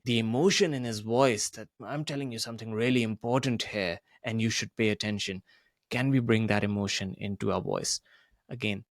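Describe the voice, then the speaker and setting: A man's voice: no room sound, studio quality. Demonstrative male speaking coach. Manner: deliberate, demonstrative, varies pitch and volume. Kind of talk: voice coaching lesson.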